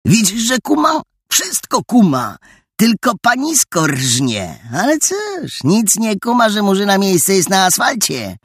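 A man voicing a brash, loud teenage boy who taunts and jeers, in an audiobook reading. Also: a little high, sing-song, a little slow, dry recording, clean studio sound, pitched above the performer's own voice, heavily acted. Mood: mocking.

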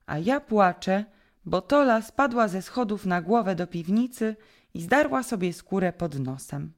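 A woman voicing an earnest, tearful eight-year-old boy in a storybook reading, lifting into a higher childish tone. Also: lively intonation, a little slow.

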